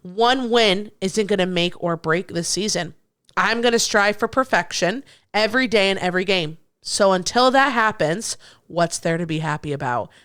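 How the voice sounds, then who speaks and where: A young woman co-hosting a sports podcast, chatting casually and excitably about football. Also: mid-range voice, moderate pace, clear, resonant tone. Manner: chatty, excitable, restarts when flustered. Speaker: podcast co-host.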